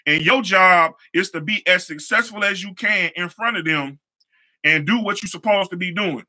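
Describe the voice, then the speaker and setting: This young man's voice is high, sharp and very bright, moving at a moderate pace. A show host and hair stylist, he tells personal stories to motivate listeners, talking casually, circling back on his wording and dropping easygoing slang.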